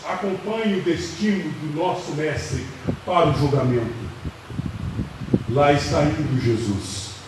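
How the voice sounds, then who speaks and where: A man with a Brazilian Portuguese accent preaches in a high voice, retelling a story in vivid bursts that climb to shouts. He sounds set back from the mic, and the church hall rings with heavy echo and noise. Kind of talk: dramatic sermon storytelling. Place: church service. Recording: echoey hall, distant mic, noisy.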